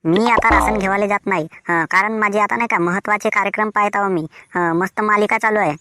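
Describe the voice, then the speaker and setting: A woman's voice: medium pitch, steady tone, quick pace, pushed and bright, a little hiss or hum, natural voice. A woman voicing a lazy, stubborn village husband in a Varhadi Marathi accent, talking in a grumbling, dismissive way. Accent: Vidarbha Marathi (Varhadi). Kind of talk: cartoon voice acting.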